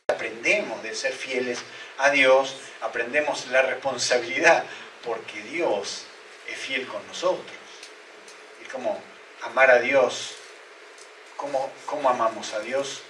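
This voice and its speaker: A man's voice: medium pitch, fairly even intonation, unhurried, sharp tone, a little hiss or hum. A male pastor preaching a sermon and asking his listeners many rhetorical questions. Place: church hall. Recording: roomy, echoey church hall, mic at a distance.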